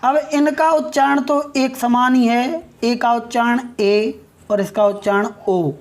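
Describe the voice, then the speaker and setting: A woman, teaching a pronunciation lesson. She talks very slowly, in a voice that sits a little high. She keeps checking in with her listeners and draws sounds out to demonstrate them. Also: fairly even intonation. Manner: slow and explanatory, often checks in with listeners; spells out and drawls sounds for demonstration.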